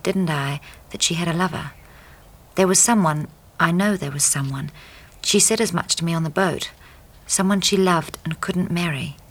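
In a radio drama, an actress with a lowish, husky female voice plays an earnest, troubled young wife who is well-spoken and politely insistent.

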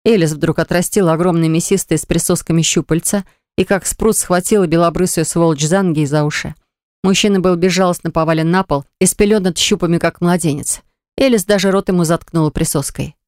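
A woman narrating an audiobook in the first person, with a lively, indignant, sharp-tongued way of telling the story. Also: fairly low pitch, fairly quick, no echo, clean studio sound.

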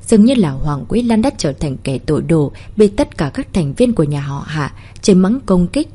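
A woman narrating a story in an expressive storytelling manner. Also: on the low side, slightly rough. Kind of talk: story reading.

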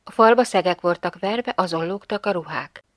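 A woman reading a short story aloud with expressive, measured storytelling. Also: on the low side, no room sound, studio quality. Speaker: reader.

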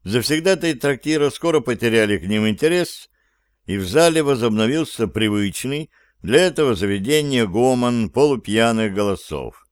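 Male audiobook narrator, smooth resonant voice, dry studio sound. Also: mid-range voice, moderate pace, no room sound. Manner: steady, even storytelling. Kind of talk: scripted fantasy narration.

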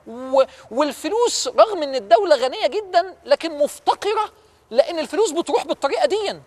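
A man with an Egyptian Arabic accent, preaching and telling a story in a fervent way, firing rhetorical questions at his listeners. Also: very high-pitched. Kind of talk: storytelling religious talk. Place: historic mosque-like building.

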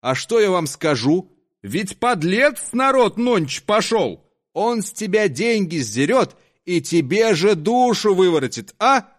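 A man voicing a loud, rowdy drunk in a crowd, with rough common speech. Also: high voice, very animated, unhurried, pitched above the performer's own voice.

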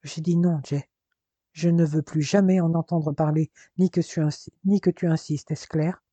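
A man's voice: on the high side, fairly even intonation, normal speed, warm tone, no room sound, lo-fi sound, close to an everyday voice. A man reading an audiobook, voicing a fiery, stubborn young woman who gives firm, insistent refusals.

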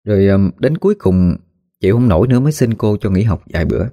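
A man narrating a spooky story in a folksy, animated way, acting out the voices of the people in it. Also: lowish voice, quick pace, no room sound. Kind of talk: spoken ghost story narration.

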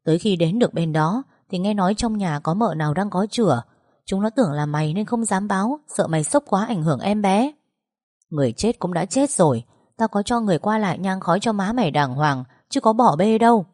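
A woman's voice: mid-range voice, lively intonation, brisk, a little mellow, no echo, clean studio sound, close to an everyday voice. Woman doing a dismissive, scheming rich old lady. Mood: defensive. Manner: excuse-making, dismissive. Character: cunning older rich woman, defensive.

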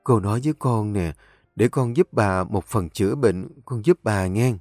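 A man's voice: fairly low pitch, normal speed, darkish tone, dry recording, clean studio sound, soft background music, close to an everyday voice. A man voicing a determined, tender young woman from the countryside, talking in an emotional, pleading way. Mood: gentle.

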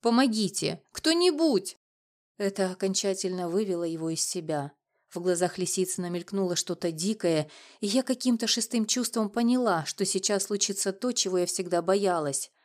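A woman's voice: fairly low pitch, brisk, darkish tone. Woman narrating a dramatic audiobook. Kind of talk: first-person audiobook narration.

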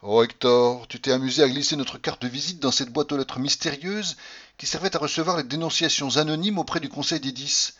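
A man's voice: on the high side, brisk, a bit bright, lo-fi sound, voice pushed up. A man reading an audiobook, voicing a tender young woman in love with a lifted, lilting delivery. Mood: gently reproachful.

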